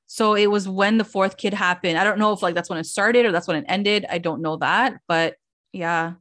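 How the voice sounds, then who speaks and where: A woman's voice: mid-range voice, moderate pace, no echo, clean studio sound. Chatty young woman hosting a podcast. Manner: animated, slangy, acts out quotes. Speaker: podcast host. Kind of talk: casual chat.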